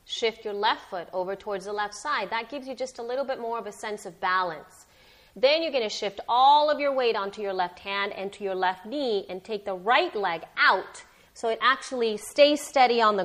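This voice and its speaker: Female yoga teacher for a live class: careful, unhurried, encouraging step-by-step cues in a mid-pitched voice. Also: fairly bright tone. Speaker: yoga instructor.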